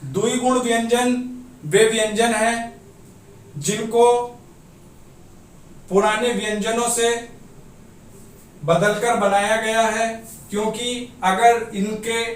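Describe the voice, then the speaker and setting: A man teaching a grammar class for exam preparation, explaining each point step by step and pausing so students can note it down. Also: high voice, a little hiss or hum. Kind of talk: exam-prep grammar lesson. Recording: echoey room, voice from a distance off the mic.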